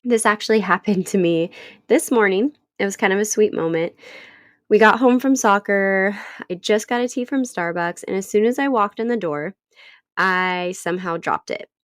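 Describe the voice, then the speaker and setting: A woman in her thirties hosts her own podcast alone, sounding stuffy from a cold as she speaks in an earnest, encouraging manner. Her voice is mid-range at a normal speed, and the recording is dry with clean studio sound.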